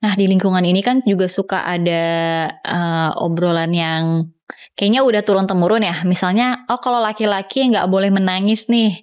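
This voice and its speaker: A woman's voice: mid-range voice, fairly even intonation, normal speed. Attentive young woman podcast host. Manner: attentive, frequent soft backchannels. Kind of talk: casual interview chat.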